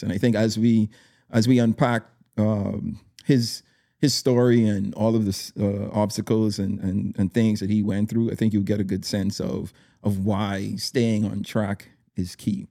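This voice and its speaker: A man's voice: on the low side, fairly even intonation, moderate pace, warm tone, no room sound, clean studio sound. A man hosting a podcast, upbeat and hyping up his guest with loose, chatty talk. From Bahamas. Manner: upbeat, hype-style welcomes, lots of fillers and restarts. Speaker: podcast host.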